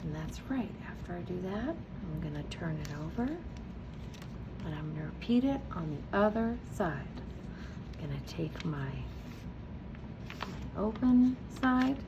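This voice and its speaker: On a muffled recording with background noise, a woman with a low, creaky voice talks slowly and very animatedly, pausing often. She's a preschool teacher hosting a children's read-aloud and craft video, patiently encouraging little ones through step-by-step crafts and regularly asking a question only to answer it herself.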